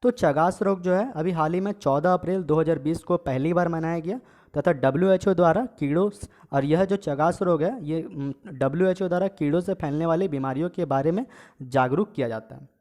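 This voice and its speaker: A man with a slightly high, darkish voice talks a little fast as he teaches an exam-prep quiz lesson. He reads each question and its options aloud, then gives and repeats the answer, calling viewers friends and guys and checking in with frequent "okay"s.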